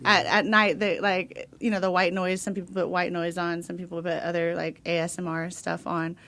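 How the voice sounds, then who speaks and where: A woman's voice: fairly low pitch, little pitch movement, normal speed, fairly bright tone. A young woman from Houston, Texas, chatting casually as a podcast guest, rambling with lots of fillers and laughs. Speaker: podcast guest, dog trainer. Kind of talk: casual interview chat.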